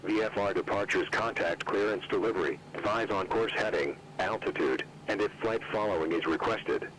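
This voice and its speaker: A man reading an airport weather broadcast heard over a flight sim radio, reading numbers and runways in a flat, even way. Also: on the low side, normal speed, poor audio. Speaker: airport information announcer. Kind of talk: recorded automated airport information broadcast.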